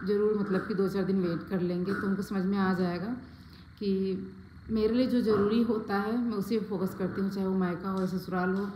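A woman's voice: mid-range voice, warm tone, echoey room, a little hiss or hum, low-quality recording. A woman from Faridabad, India, vlogging at home as she packs, chatting straight to her viewers with lots of fillers. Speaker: family vlogger. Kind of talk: casual vlog chat to viewers. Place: at home, packing indoors.

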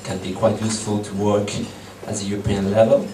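A man in his thirties with a French accent, whose first languages are French and Portuguese, gives a hesitant public talk in a meeting room, full of ums and restarts. His low voice is flat and a little fast, captured by a far room camera in an echoey, noisy space.

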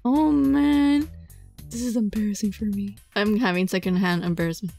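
A woman reads a visual novel aloud with dramatic flair, reacting casually in a lively, playfully exasperated way and occasionally tripping over words. Her voice is mid-range and creaky, at a normal speed, with faint music in the background.

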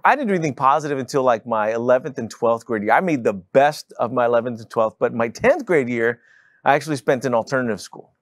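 A man, a guest telling stories in a studio interview, quick and witty, lapel mic. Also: medium pitch, no echo. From Texas. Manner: quick, witty, animated storyteller. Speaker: guest, public speaker. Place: city studio set with sofa chairs.

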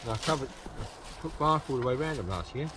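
A man's voice: mid-range voice, fairly quick, heavy background noise. A man in his fifties, chatting casually with fillers as he works his allotment plot and explains each job. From England. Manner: relaxed, chatty, thinking aloud with fillers. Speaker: allotment gardener and channel host. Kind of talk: casual gardening vlog. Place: outdoor allotment and polytunnel.

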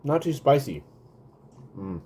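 In a casual food-review vlog, a man in his thirties talks between bites, smacking and humming as he tastes. His mid-range voice is warm and slow, with big swings in pitch. A desk webcam picks him up in a small room, with slight background noise.

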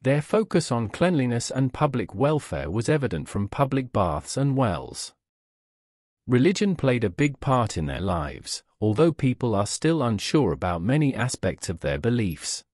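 A man reading a scripted documentary narration in an even, measured way. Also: mid-range voice, no echo, clean studio sound.

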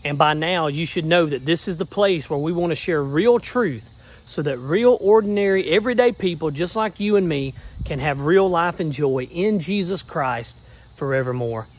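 Male pastor, 30s, fairly high voice, upbeat rhythmic preacher phrasing, phone selfie outdoors. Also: animated, moderate pace. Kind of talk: casual selfie update video. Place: backyard outdoors. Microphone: phone at arm's length.

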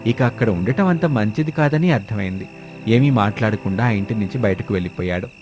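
A man giving steady, measured scripted narration for an animated moral story. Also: lowish voice, faint music behind.

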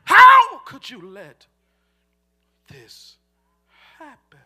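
A man preaching a sermon as pastor, fervent, with a chanting sing-song cadence that swings from shouts down to hushed near-whispers. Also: on the high side, slightly rough.

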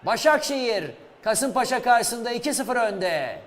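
A man giving excitable live play-by-play commentary on a football match. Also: extremely high pitch, measured pace, soft background music. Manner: excitable, shouts at goals and chances. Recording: reverberant hall sound.

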